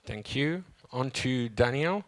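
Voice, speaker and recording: A man's voice: medium pitch, lively intonation, slow pace. A man hosts a panel discussion at a conference. He introduces the speakers with light, wry humor and steers the talk. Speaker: panel moderator. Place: conference hall stage.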